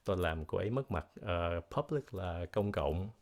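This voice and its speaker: A man teaching English vocabulary in a bilingual lesson, explaining words slowly and repeating pronunciations, switching between English and Vietnamese. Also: low voice, expressive, a little mellow. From United States.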